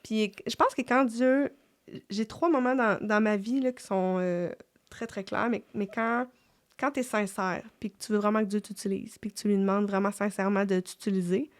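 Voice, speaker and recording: A woman's voice: medium pitch, fairly even intonation, moderate pace. A middle-aged woman with a Québécois French accent, hosting a casual faith chat in a reflective way, with many fillers and restarts. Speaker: podcast host.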